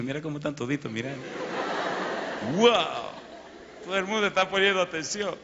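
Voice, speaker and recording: A pastor with a fairly high voice preaches a storytelling sermon, animatedly acting out a dramatic tale's dialogue and sound effects. The lo-fi recording, made in a reverberant hall, has slight background noise.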